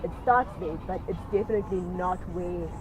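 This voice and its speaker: A South African woman in her twenties from Johannesburg, speaking earnestly and in a measured way about her own story. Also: on the low side, background noise. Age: 20s. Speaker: interviewee sharing her story. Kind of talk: personal testimony to camera.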